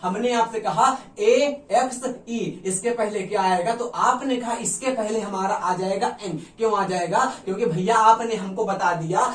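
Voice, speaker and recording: A man's voice: high voice, moderate pace, few pauses. A man with a Hindi accent teaching an English exam-prep lesson, repeating rules over and over and calling his students "bhaiya". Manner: repetitive, drilling, addresses students as bhaiya. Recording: echoey room, voice from a distance.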